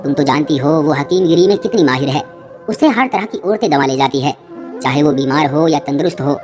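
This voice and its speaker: A woman's voice: low-pitched, brisk, close to an everyday voice. A woman voicing a bossy, scheming older mother-in-law who scolds and orders around, with music playing behind. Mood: insistent. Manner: scolding, domineering.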